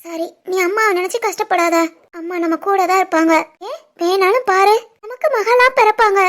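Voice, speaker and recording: A woman voicing a caring young wife who comforts her husband, in an animated family drama, with a Tirunelveli Tamil accent. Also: very high voice, moderate pace. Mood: tender. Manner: soothing, coaxing.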